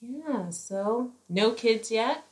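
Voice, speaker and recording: A woman's voice: fairly high pitch, animated, drawn-out words, rough recording. A woman in her late twenties from New Jersey, co-hosting a podcast in easygoing casual chat, laughing often and trailing off with ums. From New Jersey, USA. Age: 20s. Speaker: podcast co-host.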